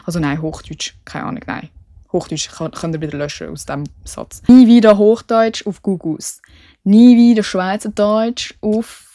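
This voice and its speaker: A young Swiss woman with a Swiss German accent and a lowish voice hosts her solo podcast, chatting casually, poking fun at herself and using lots of English slang. The audio is studio quality with no echo.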